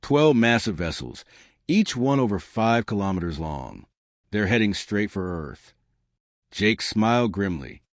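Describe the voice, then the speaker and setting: A man narrating a sci-fi story in a steady, dramatic storytelling manner. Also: on the low side, dry recording, clean studio sound.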